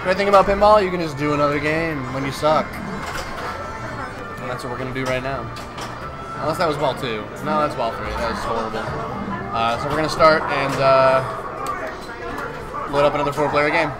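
A man's voice: on the high side, fairly quick, long pauses, a loud crowd. A man giving casual livestream commentary on his own game as he plays. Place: indoor bar arcade. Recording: loud music in a busy arcade. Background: loud music.

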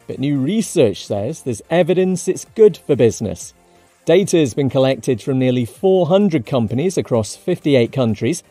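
A man hosting a short news podcast, reading scripted headlines in a brisk, upbeat and cheeky way. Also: medium pitch, warm tone, no echo. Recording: dry studio read over light music.

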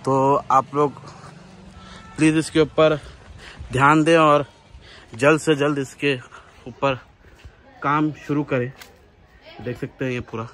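A man's voice: a little high, steady tone, slow pace, long pauses, fairly bright tone, a little hiss or hum. A man filming a walking tour on his phone outdoors, chatting and pointing things out as he goes. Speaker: vlogger and interviewer. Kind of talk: walking tour vlog commentary. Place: outdoors walking around an old bungalow compound. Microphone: phone camera held by the speaker.

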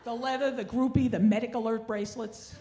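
Her voice sits on the high side and sounds mellow, moving a little fast with fairly even intonation. Holding a handheld stage microphone, the woman, in her sixties, works a theatre stage indoors, kvetching in a wry, self-deprecating, Yiddish-inflected stand-up style amid live ambience with clear noise.

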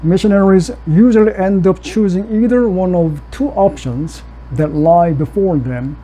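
Man, high dark voice. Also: poor audio. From South Korea. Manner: measured, reads prepared text with occasional restarts. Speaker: missiologist lecturer. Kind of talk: academic conference presentation.

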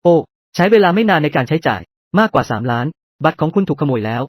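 A wealthy young man, wary and bitter, lively, slightly high voice, dry close studio sound. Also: fast talker, no echo. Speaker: voice actor in a dubbed drama. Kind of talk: dubbed drama dialogue.

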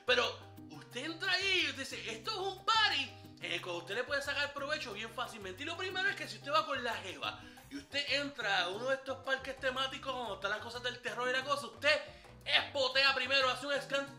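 Brash flirty ladies' man, very high voice, lively swaggering comedy banter, roomy echo. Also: a little fast, faint music behind, exaggerated voice. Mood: boastful. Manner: swaggering slangy banter, calls listener papá. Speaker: comic character giving dating tips. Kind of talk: comedy sketch monologue.

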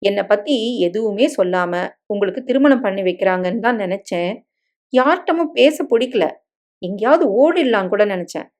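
A woman's voice: medium pitch, expressive, normal speed, a little mellow, natural voice. A woman voicing a shy, hurt young bride in a dramatic story reading, with a pleading, emotional manner.

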